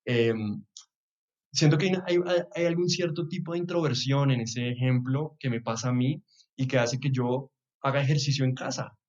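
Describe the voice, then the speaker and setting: A young Colombian man from Bogotá muses aloud in a casual podcast chat, with a Bogotá accent and soft chuckles. His voice sits mid-range. The recording has a somewhat dull, lo-fi quality. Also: mid-range voice, moderate pace. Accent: Bogotá Colombian Spanish. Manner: reflective, chuckles often, trails off with soft asides. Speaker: podcast guest.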